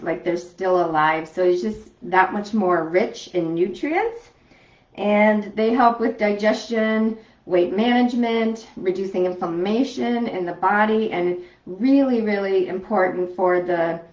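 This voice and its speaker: A woman chatting casually as she demonstrates food at home, rambling with frequent ums and restarts. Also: mid-range voice. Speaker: home cooking vlogger. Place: home kitchen. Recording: echoey room, distant dull mic.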